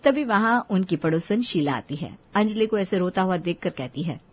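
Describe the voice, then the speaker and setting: A woman giving scripted narration for a cartoon story, in an even storytelling manner. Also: medium pitch, normal speed, dull audio.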